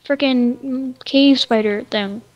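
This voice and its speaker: A woman chats casually through a game session with a friend. Her voice sits high, and her manner is playful and teasing, broken up by giggles. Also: slow, dull audio. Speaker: gamer co-host. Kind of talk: casual gameplay chat.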